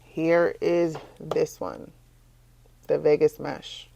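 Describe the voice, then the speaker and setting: A woman's voice: fairly even intonation, extremely slow, gravelly, warm tone, slight background noise. Exasperated woman venting to camera. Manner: exasperated, repetitive, rises in pitch when frustrated. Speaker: small business owner, bikini designer. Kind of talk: casual vlog storytelling.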